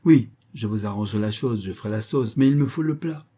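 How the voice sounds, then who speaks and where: A man's voice: lowish voice, fairly quick, warm tone, husky. A man reading aloud and voicing a poised, self-assured young woman writer who talks in a light, teasing, gracious way. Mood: playful.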